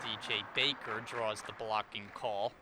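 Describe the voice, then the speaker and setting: A man in his thirties calling live basketball play-by-play, brisk and rising on big plays. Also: on the low side, fairly even intonation, over a noisy crowd. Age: 30s. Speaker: play-by-play commentator. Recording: noisy gym background.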